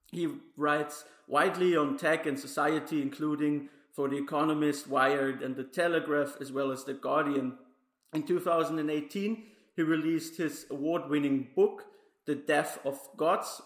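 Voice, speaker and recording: A man hosting a podcast, reading a formal, measured introduction. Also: fairly high pitch. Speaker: podcast host. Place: Brussels. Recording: roomy echo.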